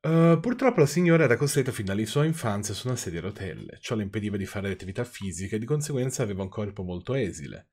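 A man's voice: lowish voice, sing-song, very fast, hardly any pauses, a little mellow. Sarcastic Italian man reading stories. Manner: sarcastic asides, dry and teasing. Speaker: channel host reading viewers' stories. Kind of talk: reading aloud with off-the-cuff commentary.

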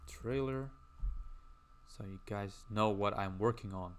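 A man's voice: fairly low pitch, slow. A man streaming casually as he draws, rambling and chatting while reading out viewer messages. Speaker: livestreamer.

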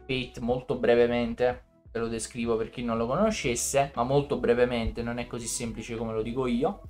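Chatty man explaining anime on stream. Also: medium pitch. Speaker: streamer co-hosting a live unboxing. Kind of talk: casual live-stream chat. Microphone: streaming setup microphone.

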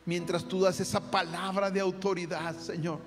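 A high-pitched man prays aloud with fervor but a flat delivery, moderately paced, invoking the Lord after nearly each phrase. His spoken prayer rides over soft guitar music, drenched in long hall reverb.

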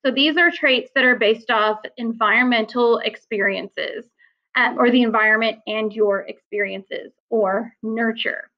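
A woman's voice: a little high, unhurried. A woman teacher giving a recorded psychology lecture, explaining in a conversational way with frequent fillers. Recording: slightly dull lo-fi sound.

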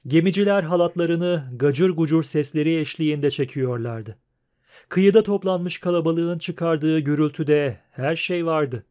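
A man narrating an audiobook in a steady, measured reading. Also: on the high side. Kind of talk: scripted narration.

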